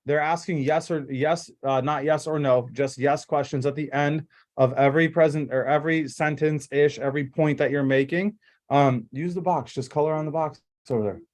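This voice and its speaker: A man with a fairly high voice coaching a sales team over a video call from home. He talks in emphatic, rambling bursts, full of fillers and restarts, in a casual and direct way. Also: steady tone, normal speed, a little mellow. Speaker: sales trainer.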